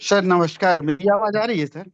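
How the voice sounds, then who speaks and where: A man on an online group call, his audio choppy and breaking up, talking haltingly and repeating hello as he asks a question. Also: high-pitched, no room sound. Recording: dull, dry online call line.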